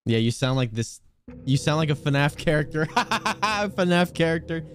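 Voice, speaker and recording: Male game streamer, teasing and joking, animated pitch. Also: moderate pace. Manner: teasing, joking, laughs a lot. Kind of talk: casual gaming stream chat.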